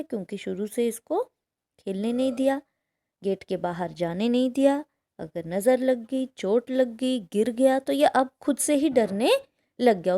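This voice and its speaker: A woman's voice: fairly high pitch, mellow. A woman teacher reading a story aloud to pupils, then explaining it line by line and often asking "है ना?". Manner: reads a passage, then explains it with frequent "है ना?" checks. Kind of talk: explaining a textbook chapter to pupils.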